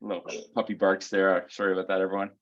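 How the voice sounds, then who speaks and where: A man's voice: low-pitched, level tone, quick pace, lo-fi sound. A man co-hosting a community Q&A call, explaining things step by step and often checking in with "right?". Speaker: co-host of a foot health community call. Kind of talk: casual explanatory Q&A answers. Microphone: video call.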